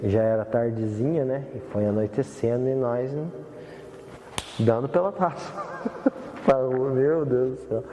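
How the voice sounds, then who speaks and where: A man's voice: mid-range voice, unhurried, pauses often, dark tone, a little hiss or hum. A man giving a rambling, heartfelt personal testimony for a documentary. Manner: rambling heartfelt storytelling with many fillers. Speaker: documentary interviewee. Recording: roomy echoey hall with faint ambience.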